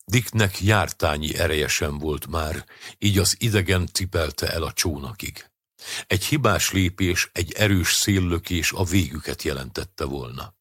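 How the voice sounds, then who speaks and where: Male audiobook narrator, very low voice, husky, dry close sound. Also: a bit bright, no echo. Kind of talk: scripted narration of a short story.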